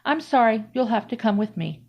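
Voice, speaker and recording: A woman's voice: a little high, expressive, a little fast, husky, dull audio. A woman doing a stern small-town cop. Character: stern small-town male police officer.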